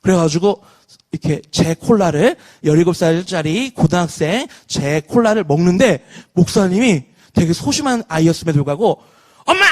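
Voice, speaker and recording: Children's pastor, man in his thirties, high-pitched, keeps quizzing the kids. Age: 30s. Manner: lively, asks children questions and leads call-and-response. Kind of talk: online children's sermon.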